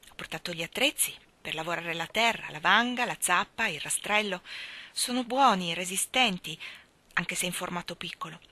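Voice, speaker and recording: Cheerful country boy who loves animals, warm and friendly, read by a woman, bright clear tone. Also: fairly low pitch, normal speed. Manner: warm, friendly, hushed at times.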